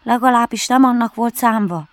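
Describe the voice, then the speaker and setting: A woman voicing a fussy, cautious male rabbit who talks in a shrill, clipped, prim way, for a storybook reading. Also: dry recording, lightly acted. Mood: snappish.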